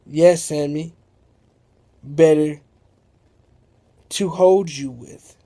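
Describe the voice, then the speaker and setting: A hulking, hungry woman looms over a small shopkeeper in a storybook tale, voiced by a man. She speaks slowly in a mellow, fairly high voice, smug and threatening, always thinking about food. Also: steady tone. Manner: greedy, threatening. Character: huge hungry woman, menacing giant of a neighborhood.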